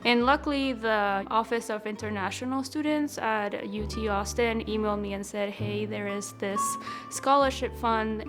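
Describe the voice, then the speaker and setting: A young woman speaks earnestly about her studies, with a little hesitation here and there. Her pitch barely moves, staying level and even. Music plays softly underneath her interview. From Chile. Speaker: scholarship recipient, PhD student. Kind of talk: interview testimonial.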